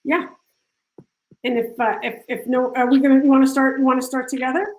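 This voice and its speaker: A woman's voice: high voice, little pitch movement, fairly quick, background noise. Woman coaching on a roomy video call. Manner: casual, warm coaching with restarts. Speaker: workshop speaker. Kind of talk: live online workshop talk.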